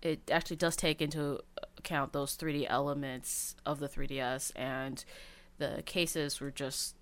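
A woman's voice: deep voice, fairly even intonation, a little slow. A woman in casual chat about favorite video games, rambling with many fillers and restarts. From Cantonese family background.

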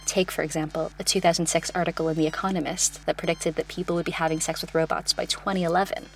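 A woman hosting a podcast, reading a scripted opinion piece in a smooth, composed, conversational way with wry touches. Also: deep voice, level tone, fast. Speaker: podcast host. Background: music.

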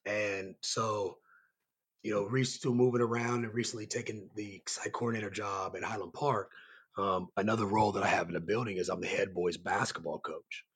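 A man with a raspy, hoarse voice, worn from yelling, giving earnest, rambling answers as a coach being interviewed. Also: lowish voice, fairly even intonation, a little fast. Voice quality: raspy, strained voice. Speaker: high school basketball coach and site coordinator, guest.

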